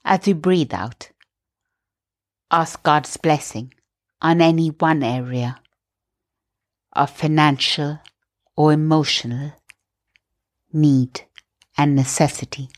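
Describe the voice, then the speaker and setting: Slow, low-voiced woman guiding prayer. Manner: slow, soft, calm guiding. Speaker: meditation host. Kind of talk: guided prayer meditation.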